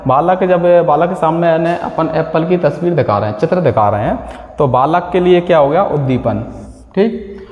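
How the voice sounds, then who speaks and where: A fairly high-voiced man teaches an exam-prep lesson, firing off quick questions and answering them himself in a lower, quieter word. The room rings with a long, echoey reverb. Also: expressive, muffled recording. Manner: asks questions and answers them himself, repeats key terms.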